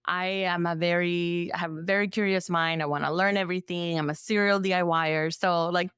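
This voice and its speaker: A therapist and business owner from El Salvador chats as a guest on a podcast in a casual interview, her talk full of "like" and "you know." Her voice is lowish, brisk, fairly bright and clean, with fairly even intonation on a dry recording.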